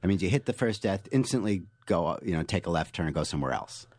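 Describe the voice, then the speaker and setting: A man being interviewed as an author, explaining ideas and telling stories in an animated way, with frequent restarts. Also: low voice, fast, no echo. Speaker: author and guest. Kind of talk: interview answers, storytelling.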